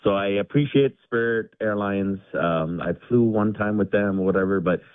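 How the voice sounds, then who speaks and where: Phoning a radio show from his home garage, a middle-aged man from India chats casually at a moderate pace in a lowish voice. The phone line sounds tinny without echo, and he rambles with many fillers and restarts.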